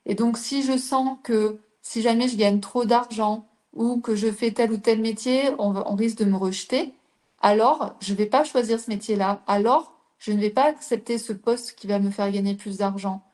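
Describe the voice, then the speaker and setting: A woman's voice: a little high, steady tone, normal speed, darkish tone. A woman hosting a talk, explaining ideas with everyday examples and checking that listeners follow. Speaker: host.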